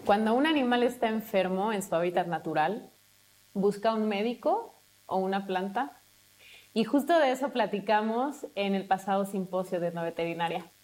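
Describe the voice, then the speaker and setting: Mexican woman academic, talks smooth and steady, hardly any ums. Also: medium pitch, moderate pace. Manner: fluent, steady explaining with few fillers. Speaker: university academic researcher. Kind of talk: explanatory talk to camera.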